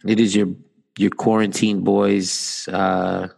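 A man's voice: lowish voice, level tone, takes it slowly, vocal fry, a little mellow. A man co-hosting a casual podcast chat, joking and rambling. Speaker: podcast co-host.

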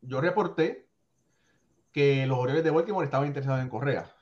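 A man's voice: medium pitch, a little fast, darkish tone. A man with a Caribbean Spanish accent chatting casually about sports as a reporter, repeating phrases for emphasis. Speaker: baseball reporter. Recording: dull lo-fi audio.

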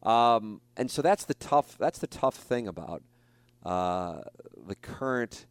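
A man's voice: lowish voice, animated, slow pace, clean tone, dry recording. A man hosting a talk show, chatting casually and rambling, with many restarts and fillers. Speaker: radio show host.

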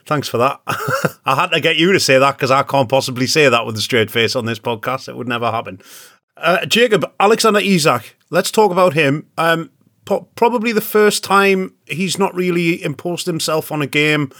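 A man's voice: fairly high pitch, normal speed, fairly bright tone, dry recording, clean studio sound. A man hosting a football podcast, steering casual chat with tag questions. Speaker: podcast host.

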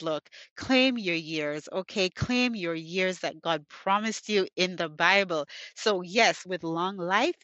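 This young woman hosts a faith podcast, praying with fervor before sliding into casual chat and personal stories packed with fillers like "you know," and she keeps repeating thanks and "God." American, with part of her upbringing in Jamaica, she has a lowish, somewhat bright voice. The audio is dry and muffled.

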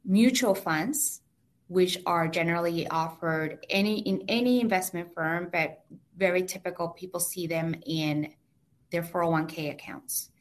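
A native Spanish speaker with a heavy Mexican accent, this woman appears as an interview guest and patiently walks through finances step by step. Her voice is lowish and her pace measured.

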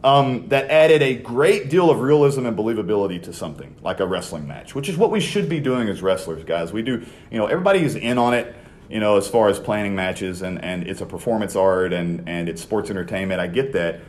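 A young man with a lowish voice hosts a podcast in relaxed, chatty talk. He speaks with frequent fillers and restarts. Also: fairly quick, slight background noise. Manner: conversational, lots of fillers and restarts. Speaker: podcast host.

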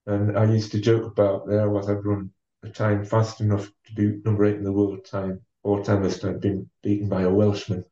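Low, mellow man telling a long story. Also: monotone, recorded from a distance. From North East England. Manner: measured, with many ums and restarts. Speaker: interview guest, former marathon runner. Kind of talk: relaxed storytelling. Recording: dull, roomy sound from off the mic.

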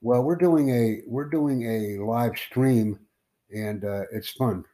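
His pitch medium and his tone dark, a U.S. man runs a live stream, casually chatting with strangers. His talk rambles and halts, packed with filler words.

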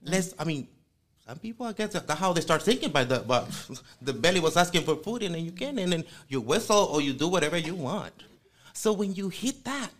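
A man with a Salvadoran accent and a fairly high voice talks in a casual podcast chat. He is a native Spanish speaker who speaks earnestly, often restarting his sentences. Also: big pitch swings. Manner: earnest, halting, with frequent restarts. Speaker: guest.

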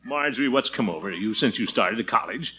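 An actor playing a blustery, fussy but good-hearted middle-aged uncle in old 1940s radio comedy style, with theatrical chuckles and sputters. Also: male voice, mid-range voice, expressive, fairly quick, close to an everyday voice. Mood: exasperated. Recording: noisy, muffled old radio recording.

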